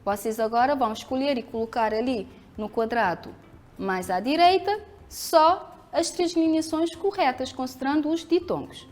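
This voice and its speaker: A woman teacher with a European Portuguese accent, giving a televised school lesson, speaking clearly and patiently, asking the pupils questions and answering them herself. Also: sits high, moderate pace, a little mellow.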